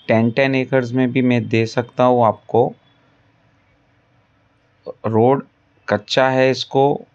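A man selling farmland in a voice-over, repeating his selling points in a pitchy salesman's patter. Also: darkish tone, muffled recording. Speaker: land broker. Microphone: voice-over over drone footage.

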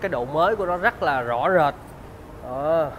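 A man in his thirties with a southern Vietnamese accent, giving a used car salesman's walkaround pitch in polite, repetitive sales patter. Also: animated, moderate pace, dull audio, slight background noise. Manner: salesman's patter, polite address and repeated selling points. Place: large open car service bay.

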